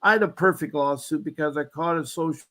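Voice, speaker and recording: A man's voice: fairly high pitch, fast, sharp tone. A man in his seventies telling a personal story, rambling with restarts and asides and insisting he was wronged. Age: 70s. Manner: aggrieved, insistent about injustice. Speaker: guest.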